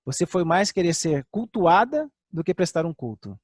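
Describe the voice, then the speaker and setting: An earnest older man preaching, his voice sitting high for a man. He sinks to quiet lows, then lifts into emphatic peaks. The sound is close and dry, with no room around it. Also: sing-song, normal speed, no room sound. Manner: earnest, drops to soft lows and rises to emphatic highs. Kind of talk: sermon with personal testimony.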